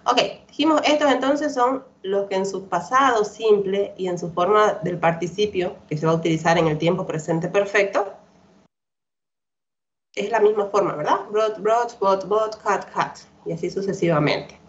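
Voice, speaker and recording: A woman's voice: mid-range voice, normal speed. A woman teaching English online, patiently explaining and drilling verb forms, often checking understanding with the class. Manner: patient, repetitive drilling, frequent "¿verdad?" checks. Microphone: computer mic on a video call. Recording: dull lo-fi video call audio.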